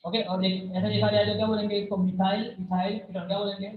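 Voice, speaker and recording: A man's voice: high voice, level tone, quick pace. A man teaching a chemistry class, quizzing his students and repeating answers, sometimes scolding them. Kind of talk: classroom lecture. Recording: far, echoey, phone-like room recording.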